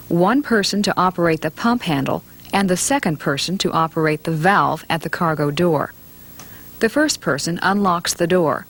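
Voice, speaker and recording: Reading a training film's scripted instructions, a woman keeps a measured, matter-of-fact delivery in a voice that sits on the low side.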